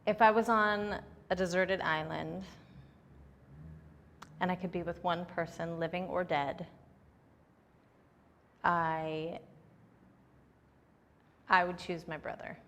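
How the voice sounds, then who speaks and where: A woman's voice: lowish voice, steady tone, slow, long pauses, a bit bright, in a large hall. A young adult woman, a comedian, giving candid, chatty answers in a casual interview.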